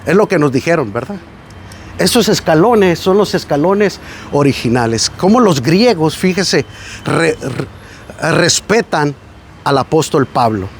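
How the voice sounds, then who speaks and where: Mexican pastor guy preaching, kinda high voice, acts out the people in his stories. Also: measured pace, slight background noise. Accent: Mexican Spanish. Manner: animated storytelling, acting out quoted voices. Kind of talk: sermon on a site visit.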